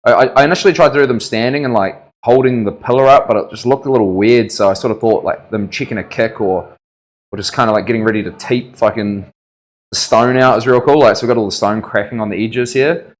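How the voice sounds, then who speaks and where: A man with a broad Kiwi accent talks in a laid-back, matey way, full of casual slang. His mid-pitched voice suits an informal livestream hosted from the tattooist's chair. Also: quick pace. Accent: New Zealand. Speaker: tattoo artist hosting a livestream.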